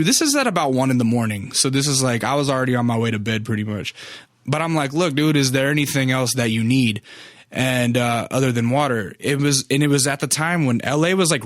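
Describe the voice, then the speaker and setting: A man's voice: mid-range voice, no echo, studio quality. A young man hosting a podcast, telling a long personal story in a loose, rambling way, cursing often and restarting his sentences. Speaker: podcast host. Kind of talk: casual storytelling monologue. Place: Los Angeles apartment.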